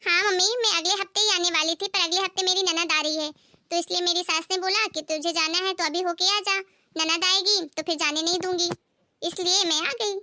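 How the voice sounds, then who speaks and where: A woman's voice: very high-pitched, moderate pace, dry recording, heavily acted. Woman doing an outspoken young married daughter. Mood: cheerful. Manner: lively, direct and insistent.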